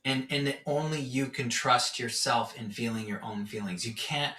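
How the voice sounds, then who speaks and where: A man's voice: medium pitch, normal speed. A man giving a casual spiritual teaching talk, telling stories and acting out his own reactions. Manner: animated storytelling, acts out his own reactions. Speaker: meditation teacher. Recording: roomy echo, from far off the mic.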